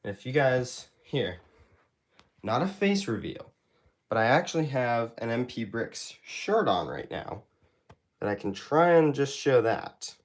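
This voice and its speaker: Filmed on a handheld phone camera, a young man runs a casual YouTube live Q&A in a mid-range, very animated voice at a measured pace. Allergies leave him sounding stuffy, and his talk rambles and hesitates, heavy with fillers.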